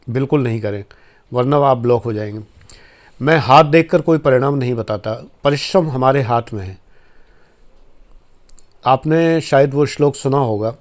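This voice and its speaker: A man's voice: medium pitch, a little mellow. A man in his fifties from India, giving an informal spoken lecture to viewers in an earnest, admonishing way. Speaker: life coach and former administrator.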